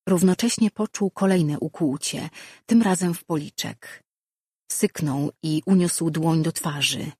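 A man reads a fantasy story aloud in a calm, steady way. His voice is husky, sits at a middle pitch, and sounds dry and close to the mic. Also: a little slow, dry recording. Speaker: audiobook narrator. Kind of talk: scripted fantasy narration.

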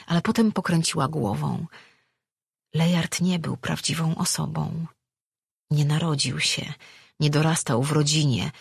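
A narrator reads a fantasy novel aloud in a steady, measured way. The voice is slightly husky and sits close and dry, with no room sound. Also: mid-range voice, no room sound. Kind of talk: audiobook reading.

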